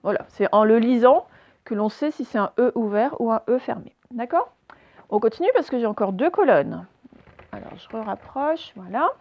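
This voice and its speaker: A woman teacher giving a recorded reading lesson, speaking slowly and clearly, asking questions and then answering them herself. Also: on the high side, lively intonation, darkish tone, no room sound. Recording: dry, dull lo-fi recording.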